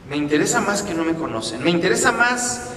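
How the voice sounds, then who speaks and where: A preacher doing a quiet, resolute Jesus. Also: male voice, sits high, very animated, fairly quick, a little hiss or hum. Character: calm, resolute Jesus, a grown man. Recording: echoey hall from far off.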